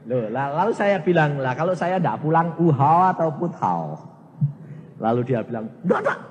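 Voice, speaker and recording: A man's voice: fairly high pitch, normal speed, slight background noise. A male evangelist with a Javanese-inflected accent, preaching a sermon and acting out voices in his stories. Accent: Javanese-inflected Indonesian. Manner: animated storytelling, acts out voices in dialogue. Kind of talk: sermon with anecdotes. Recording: long hall reverb.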